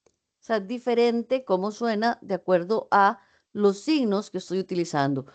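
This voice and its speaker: A woman's voice: medium pitch, moderate pace, darkish tone. Woman teacher explaining stuff on a video call, lots of "eh" and restarting words. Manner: explanatory, with frequent "eh" fillers and self-corrections. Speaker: university teacher. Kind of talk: online class lecture.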